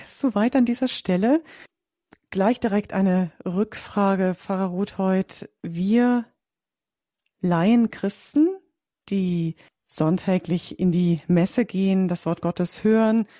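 A woman's voice: medium pitch, warm tone, no room sound, studio quality. A woman hosting a church radio program, thanking the guest and asking earnest, searching questions. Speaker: radio host. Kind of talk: interview moderation.

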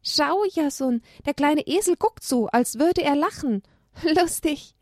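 An eager little girl from a storybook, put on by a woman narrator, her voice pitched high and bright. The recording is dry and close, with no room sound behind her. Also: a little slow, dry recording. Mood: delighted. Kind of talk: storybook reading.

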